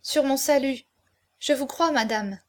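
A woman's voice: high-pitched, unhurried. A woman reading aloud, voicing an anguished, proud young woman with an intense manner in an audiobook. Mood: haughty. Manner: intense, pleading then haughty.

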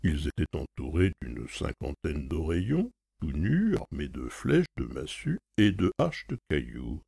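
Male reader for a classic novel, deep dark voice, dry close sound. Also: big pitch swings, a little slow, gravelly, slightly rough, dry recording. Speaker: audiobook narrator.

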